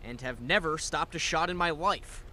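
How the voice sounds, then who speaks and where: A male sports reporter giving scripted news narration with a lively storytelling delivery. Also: on the high side, moderate pace.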